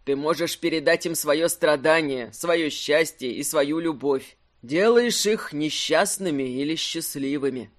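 A narrator voicing an elderly male actor who speaks low, soft and affectionately in an audiobook. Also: a little slow, natural voice. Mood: gentle. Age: older. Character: old kindly male actor, fatherly and warm. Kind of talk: audiobook character voice.

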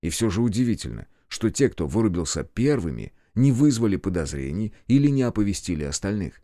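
A man narrating a first-person audiobook in a calm, measured way. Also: lowish voice, dry recording, clean studio sound.

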